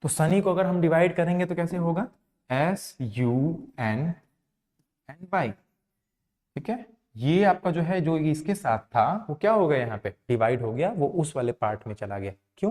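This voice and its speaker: A man teaching an English lesson, explaining slowly, repeating words for emphasis and answering his own questions. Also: fairly high pitch, a little mellow. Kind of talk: classroom lesson.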